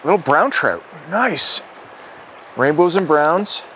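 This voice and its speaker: A man in his thirties hosting an outdoor fishing show, wading in a small river and talking in an upbeat way that gets excited when a fish bites. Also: on the high side, takes it slowly, a little hiss or hum.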